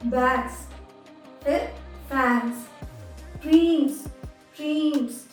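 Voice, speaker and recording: A high-pitched woman teaches at an unhurried pace, spelling out each word and saying it twice. Her voice sits a little back from the mic in a very echoey room, with faint music underneath. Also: distant mic. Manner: spells words out letter by letter and repeats them. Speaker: English pronunciation teacher. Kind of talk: slow explanatory lesson.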